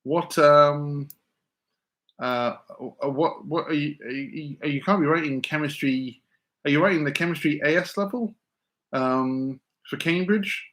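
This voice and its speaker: A man's voice: fairly high pitch, a little slow, fairly bright tone. Rambling, stammering man answering live questions. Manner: rambling, stammering restarts, reads chat aloud. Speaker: physics teacher hosting a live Q&A. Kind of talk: casual live-stream Q&A.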